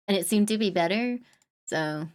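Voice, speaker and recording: A woman live streamer chatting casually, humming little filler sounds and greeting viewers with bursts of excitement. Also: medium pitch. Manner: chatty, hums and scats little filler sounds between thoughts.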